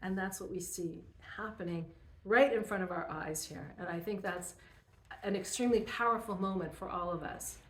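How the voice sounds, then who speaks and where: A woman teaching a Torah class to a group, retelling stories and parables in an earnest, animated way. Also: on the low side, normal speed. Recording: roomy echo.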